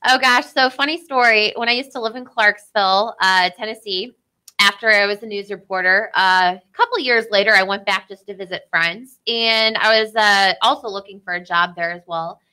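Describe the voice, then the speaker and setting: Bright, giggly young woman. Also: mid-range voice, normal speed, clean tone. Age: young adult. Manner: giggly, chatty, uses fillers. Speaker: guest. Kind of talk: casual radio interview. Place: radio studio. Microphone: studio microphone.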